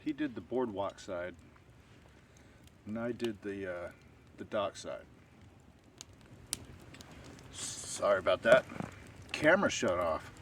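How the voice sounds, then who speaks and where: A man telling a long story to camera in a rambling, unhurried way, full of fillers. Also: on the low side, animated, a bit bright. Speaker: stealth camping vlogger. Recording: distant outdoor camera audio with faint ambient noise.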